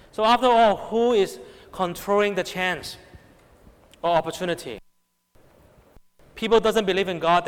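A man with a Hong Kong Cantonese accent preaching a sermon to young people, emphatic, often raising and dropping his voice and checking in with rhetorical questions. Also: on the high side. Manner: rhetorical questions, repeated check-ins with listeners. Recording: long hall reverb.

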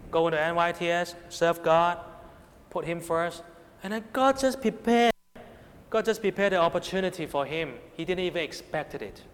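A sermon aimed at young people comes from a man with a Hong Kong Cantonese accent whose voice is on the high side, animated, and moderately paced. He is emphatic, often shifting his volume up and down, using rhetorical questions, and repeatedly checking in with listeners. The hall gives a long reverb.

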